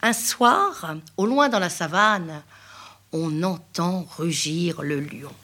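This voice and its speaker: A woman storyteller telling a folk tale in a rhythmic, repetitive way, dropping often into hushed whispers. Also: on the low side, slow pace.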